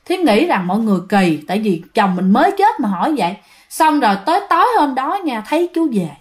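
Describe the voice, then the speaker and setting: A woman's voice: on the high side, very animated, fast talker. A woman telling a ghost story in a chatty way, often turning to speak to her listeners. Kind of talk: storytelling narration.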